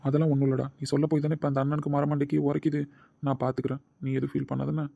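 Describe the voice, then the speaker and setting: A man's voice: on the high side, flat delivery, rapid-fire, creaky, dark tone, dry recording, lo-fi sound. A man voicing a caring, protective older brother who coaxes and reassures his sister. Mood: coaxing. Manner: coaxing, reassuring, brooding when alone.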